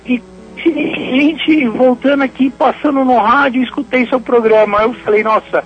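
A man's voice: very high-pitched, steady tone, a little slow, soft background music. A man calling a radio show over the phone, talking hesitantly and tagging his phrases with questions. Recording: muffled phone line.

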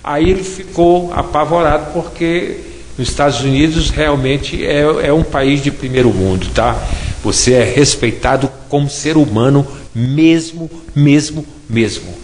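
A man's voice: on the high side, unhurried, a little mellow, slight background noise. A man from Brazil with a Brazilian Portuguese accent, telling a story in casual chat and often adding tag questions. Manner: chatty, frequent tag questions. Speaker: interviewee. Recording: echoey hall with faint ambience.

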